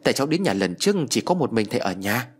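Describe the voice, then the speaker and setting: A man's voice: mid-range voice, very animated, rapid-fire, slightly rough. A man voicing a frightened young widowed mother in a spoken ghost story, pleading and anxious. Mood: polite.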